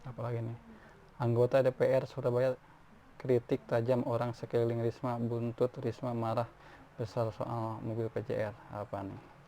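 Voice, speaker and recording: Gravelly man reading news, stumbling often. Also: mid-range voice, completely flat delivery, moderate pace, warm tone. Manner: stumbling, frequent restarts on words. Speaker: news reader. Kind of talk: reading news articles aloud. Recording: faint background noise.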